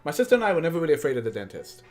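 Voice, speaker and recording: A man's voice: a little high, wildly swooping pitch, very fast. A man chatting casually while working on a craft build, rambling with fillers and asides. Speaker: craft streamer. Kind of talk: casual build-along chat. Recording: faint background music.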